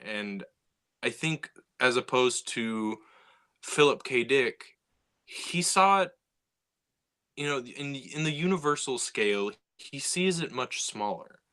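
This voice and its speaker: Co-hosting a casual podcast, this man sounds bright and forward, his medium-pitched voice clear and resonant as he speaks slowly. He's animated, tripping over restarts and doubled words while his mind races ahead.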